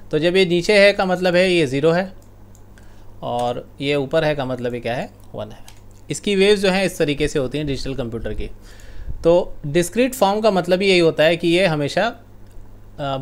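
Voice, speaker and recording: A man teaching a computer class online in Hindi mixed with English, explaining slowly and quizzing his students. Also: fairly high pitch.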